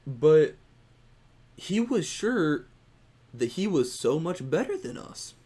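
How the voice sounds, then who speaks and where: A man's voice: fairly high pitch, sing-song, takes it slowly, dark tone, breathy edge. Young man ranting casually about games. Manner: rambling and exasperated, with frequent restarts and swearing. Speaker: gaming YouTuber. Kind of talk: casual gaming rant to camera.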